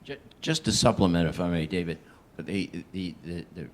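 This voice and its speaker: A man speaking informally on a public panel, halting and hesitant as he searches for his words. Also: low voice.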